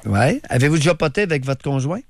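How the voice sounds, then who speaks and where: A man's voice: a little high, expressive, fast, no echo. A male radio host with a Québécois French accent, bluntly and sarcastically probing a caller. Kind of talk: call-in radio show.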